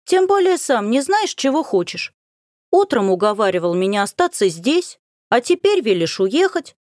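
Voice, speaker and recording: A woman doing a pert, high-voiced young girl. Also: big pitch swings, moderate pace, no room sound, clean studio sound. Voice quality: high, bright girlish voice. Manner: pert and spirited, with sudden exclaims. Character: young girl, lively, teasing, headstrong.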